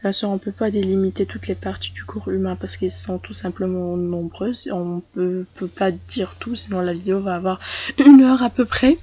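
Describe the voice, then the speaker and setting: A woman's voice: mid-range voice, steady tone, moderate pace, dark tone, slightly rough, highs cut off. A woman giving a casual vocabulary lesson, talking in a hesitant way with many fillers and restarts. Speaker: English teacher for French speakers.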